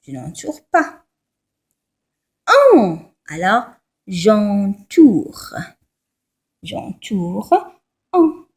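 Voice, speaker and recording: Woman, young teacher for small children, very slow, spells it all out, lively rising and falling voice. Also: mid-range voice. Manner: slow, spells out syllables and letters. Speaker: French teacher. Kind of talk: slow primary-school French lesson.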